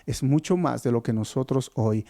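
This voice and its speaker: A man preaching a devotional Bible study, telling a story with lively acted-out dialogue and speaking earnestly to his listeners. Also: mid-range voice, moderate pace. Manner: animated storytelling, acting out dialogue; earnest, pastoral. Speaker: pastor.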